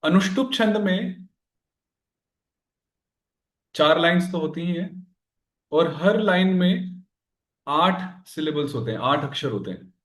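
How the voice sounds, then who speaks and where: A man teaching a Sanskrit grammar class, explaining slowly and counting syllables aloud, switching between Hindi and English terms. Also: fairly high pitch, lively intonation, a bit bright, echoey room. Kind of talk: online class lecture.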